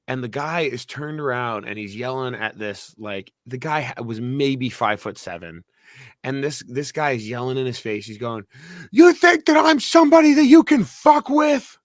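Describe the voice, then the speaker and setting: A young man from New Hampshire, a podcast co-host, telling a story in casual chat, animated and swearing. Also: mid-range voice, moderate pace, dry recording, studio quality. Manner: animated, swearing, acts out quotes loudly.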